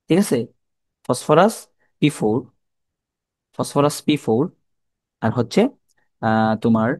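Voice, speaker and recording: A man's voice: medium pitch, a little mellow, no echo. A young man with a Bangladeshi Bengali accent teaching a chemistry class, informal and repetitive, who asks students questions and answers them himself. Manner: repeats terms, colloquial speech.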